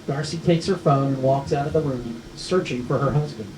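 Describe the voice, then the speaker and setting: A man with a medium-pitched voice reads stage directions at a moderate pace, serving as scripted narration during a screenplay table read. It's recorded in a roomy space from a distant mic, with faint noise present.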